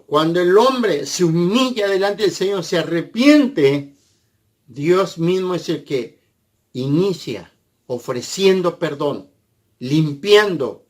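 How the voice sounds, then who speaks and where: A man preaching a sermon, speaking deliberately and often asking his listeners short questions. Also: fairly high pitch. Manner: slow, deliberate, asks the audience questions.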